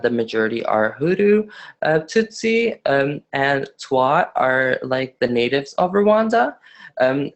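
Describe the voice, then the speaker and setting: A nineteen-year-old man from Afghanistan giving a student webinar presentation, halting with frequent fillers and restarts. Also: medium pitch, gravelly.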